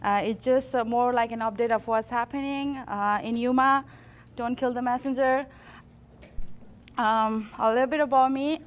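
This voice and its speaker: Woman, bright voice, workshop talk. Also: a little high, steady tone, moderate pace. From Nepal. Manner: frequent fillers and restarts, self-deprecating humor. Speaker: extension plant pathologist. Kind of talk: workshop presentation.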